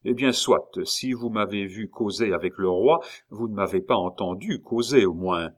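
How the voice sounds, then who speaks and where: A man's voice: lowish voice, moderate pace, lightly acted. A man voicing an impatient, sarcastic male envoy in an audiobook, raising his voice above his narration. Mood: exasperated. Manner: sarcastic, exasperated. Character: impatient sharp-tongued male royal jester-envoy. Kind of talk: audiobook character reading.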